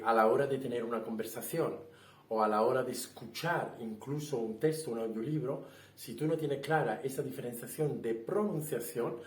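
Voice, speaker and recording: With a mid-range, slightly mellow voice, this man teaches a relaxed spoken language lesson full of fillers, false starts and questions he poses rhetorically. He's captured with roomy echo, a bit distant from the microphone.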